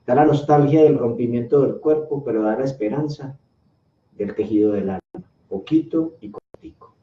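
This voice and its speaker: A male host giving calm, reflective commentary. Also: mid-range voice, normal speed, a little hiss or hum. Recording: echoey, distant, dull sound.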